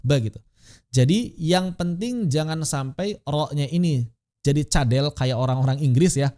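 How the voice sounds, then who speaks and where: A man with an Indonesian accent leads an online tajwid lesson in a slightly high voice. He talks through the rules in a relaxed, chatty way. He then slows right down to chant verses and show each sound. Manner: demonstrates pronunciation with slow chanted recitation; explains in a relaxed conversational tone with frequent "begitu" and "ya". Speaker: tajwid teacher. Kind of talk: online Quran recitation lesson.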